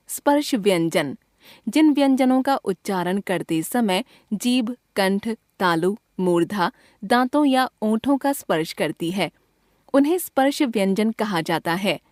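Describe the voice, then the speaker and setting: A woman teaching from a school textbook, reading it out slowly and deliberately, spelling out each letter and example. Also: medium pitch, a little mellow, no echo, studio quality.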